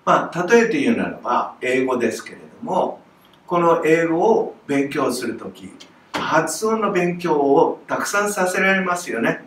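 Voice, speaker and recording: Older male music teacher, fairly high voice, animated delivery, roomy distant sound with light noise. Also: unhurried. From Japan. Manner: animated, demonstrates sounds with strong breath. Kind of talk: lesson to camera. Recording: roomy echo, voice from off the mic, faint noise.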